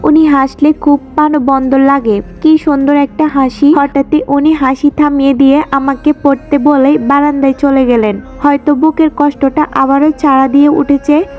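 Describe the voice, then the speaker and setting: A woman's voice: high voice, little pitch movement, normal speed, hardly any pauses, darkish tone, soft background music. A woman narrating a first-person romance story in a dramatic, emotive storytelling manner.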